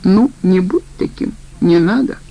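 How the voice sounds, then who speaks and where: A sharp-tongued middle-aged woman in a crime audiobook needles her partner with a mocking edge, as a female narrator puts her on. The voice sits dark and a touch gravelly. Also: fairly low pitch, expressive, a little slow, heavily acted, rough recording. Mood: coaxing.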